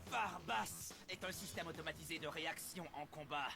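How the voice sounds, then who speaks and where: A man's voice: a little high, moderate pace, gravelly. A man voicing an arrogant, cold rival battler in a French anime dub, with a haughty, declamatory delivery. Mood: smug boasting. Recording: loud music behind the voice.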